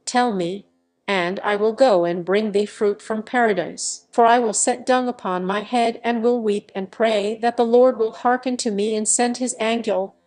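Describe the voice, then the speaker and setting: A woman's voice: medium pitch, a little mellow, natural voice. A woman voicing an earnest, devoted son speaking in archaic words.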